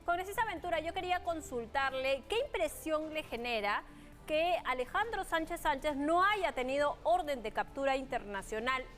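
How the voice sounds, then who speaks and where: A woman's voice: high voice, lively intonation, normal speed, fairly bright tone, faint music behind. A woman from Peru co-anchoring live news, formally reading out an official statement and greeting a guest. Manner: formal, reads aloud, frequent assent sounds.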